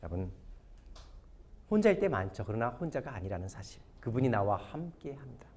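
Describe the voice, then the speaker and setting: A male pastor giving a lively sermon lecture to an audience, often putting questions to them. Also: medium pitch, a little fast. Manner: animated, asks the audience questions. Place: church or hall lecture before an audience.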